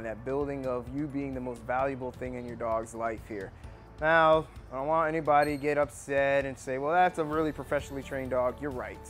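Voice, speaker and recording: A man working as a dog trainer, teaching a hands-on training lesson indoors and coaching with upbeat praise. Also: a little high.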